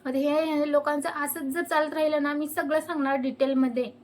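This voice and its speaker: Young woman, high voice, fed-up vlog rant. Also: flat delivery, normal speed, a little mellow, slight background noise. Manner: fed-up ranting. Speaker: vlogger. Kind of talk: complaining to camera.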